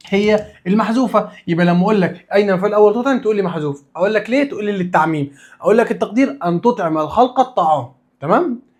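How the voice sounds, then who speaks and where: Man, Egyptian accent, religious studies lesson, repeats question and answer drills, very quick. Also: high-pitched, darkish tone. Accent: Egyptian Arabic. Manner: casual, playful asides. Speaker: teacher.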